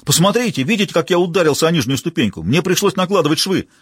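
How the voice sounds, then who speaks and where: A man doing a yelling, abusive drunk defendant. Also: a little high, animated, quick pace, breathy edge, no echo, clean studio sound, voice pushed up. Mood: indignant. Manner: yelling, jeering. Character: brawling drunken male defendant, loud and abusive.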